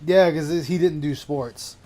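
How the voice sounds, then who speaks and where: A man's voice: a little high, normal speed, dark tone. A man hosting a casual stream chat, talking loosely and swearing as he laughs. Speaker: stream host.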